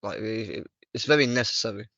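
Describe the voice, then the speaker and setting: A man's voice: on the low side, fast, creaky, pushed and bright, no echo. Earnest young man on a dull, dry mic. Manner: earnest, reflective, casual slang. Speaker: podcast host. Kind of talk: casual chat.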